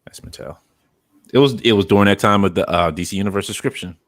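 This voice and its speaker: A man's voice: on the low side, quick pace, no room sound. A man in his thirties hosting a casual podcast chat, joking around and reading viewer comments aloud. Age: 30s. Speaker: podcast host.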